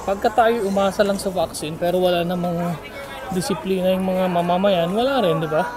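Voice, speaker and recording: Speaking fairly quickly in a high voice, a Filipino man vlogs from a crowded street market, camera phone held at arm's length. It's casual, rambling chatter stuffed with fillers, captured outdoors amid loud crowd noise.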